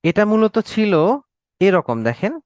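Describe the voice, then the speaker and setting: Higher-voiced male teacher, patient and repetitive. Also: sing-song, slow pace, clean tone, dry recording, lo-fi sound. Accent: Bangladeshi Bengali. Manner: explains patiently, repeats words and checks in with "okay?". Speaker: Arabic course teacher. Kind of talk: online class lecture.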